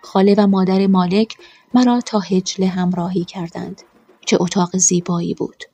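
A woman narrating a first-person story in a quiet, measured way. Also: medium pitch, flat delivery, breathy edge.

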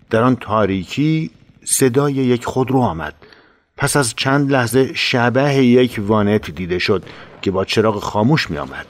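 A man reading a first-person war memoir aloud, grave and steady with dramatic emphasis. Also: mid-range voice. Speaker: memoir narrator.

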